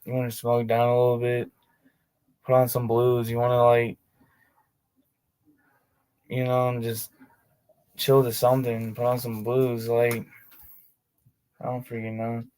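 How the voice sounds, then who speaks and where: Male streamer, casual livestream chat, very flat monotone delivery, smooth clean voice, relaxed slangy filler-heavy talk. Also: medium pitch, measured pace, long pauses. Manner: laid-back slangy talk full of "like" fillers. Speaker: streamer of his own tabletop game sessions.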